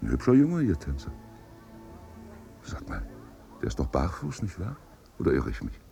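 An actor playing a worldly, ironic gentleman in a 1950s radio drama, with a dry, wry manner. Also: a bass voice, huge pitch swings, normal speed, vocal fry, faint music behind, heavily acted.

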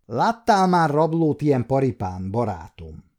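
A firm nobleman knight who speaks curtly and to the point, voiced by a male narrator. The tone stays dark and mellow, in the clean sound of an audiobook. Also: medium pitch, sing-song, close to an everyday voice. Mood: irritated. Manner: curt, firm.

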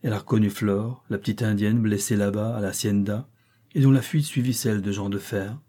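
Husky dark-voiced male narrator. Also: lowish voice, fairly even intonation. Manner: measured, dramatic reading. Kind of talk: audiobook narration.

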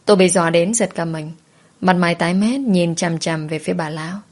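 A woman narrating a story in first person, steady and plain. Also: on the low side, fairly quick.

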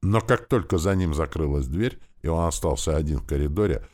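A man narrating a dramatic story in an audiobook, with steady, expressive storytelling. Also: very deep voice, brisk.

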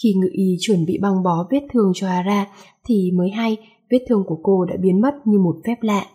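A woman reading a romance story aloud in a steady, even narrating voice. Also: medium pitch, normal speed, husky.

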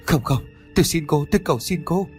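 A man voicing a sharp-tongued village woman who is frightened, speaking in a shrill, pleading way. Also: expressive, quick pace, soft background music, close to an everyday voice.

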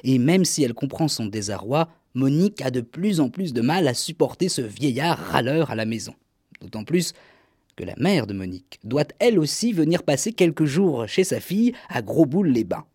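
A man's voice: mid-range voice, sing-song, normal speed, a little mellow, husky, no echo, clean studio sound. A man hosting a radio show, delivering scripted comic narration in a wry, mock-solemn way. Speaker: radio host. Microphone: studio microphone.

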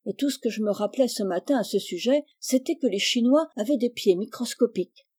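A woman voicing an eager, affectionate little orphan girl in a storybook reading, speaking high and emphatic. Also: brisk, dark tone, husky. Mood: delighted.

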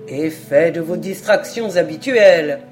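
A woman voicing a composed male Scottish lord with a dry sense of humor, speaking calmly and deliberately. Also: on the low side, soft background music, lightly acted. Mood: teasing. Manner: calm, deliberate, teasingly serious.

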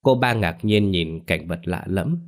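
A man narrating a scripted horror story in a measured, ominous way. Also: sits low, lively intonation.

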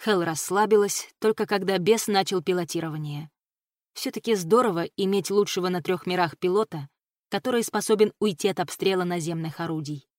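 A woman's voice: on the low side, fairly quick, darkish tone, no echo. Woman narrating an audiobook, dry close sound. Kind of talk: scripted narration of a fantasy novel.

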